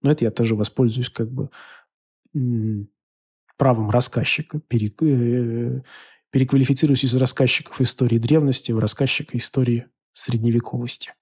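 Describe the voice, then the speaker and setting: A man telling history on a podcast in an unhurried, thoughtful way with many small fillers. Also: medium pitch, fairly even intonation, husky. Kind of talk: casual history podcast talk.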